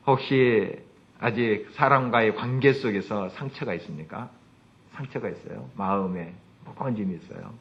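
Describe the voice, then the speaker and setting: A male pastor preaches an earnest sermon at a middle pitch and reads scripture aloud slowly. The recording is dull and lo-fi.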